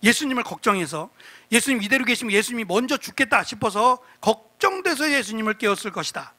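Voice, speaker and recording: High-pitched, animated man preaching. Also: quick pace. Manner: asks the congregation questions, acts out quoted speech. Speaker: pastor. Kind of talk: expository sermon.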